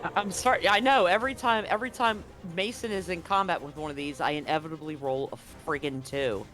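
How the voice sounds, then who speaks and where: Running a live tabletop game, the game master describes the action and rules in an easygoing, conversational style. The delivery is brisk and a bit bright at medium pitch, and background music sits behind the voice.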